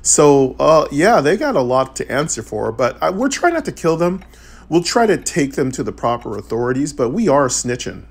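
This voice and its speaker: Male let's-play host with a gravelly, medium-high-low varied delivery, slangy and offhand. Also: big pitch swings, moderate pace. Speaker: video game player and commentator. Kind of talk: casual let's-play commentary.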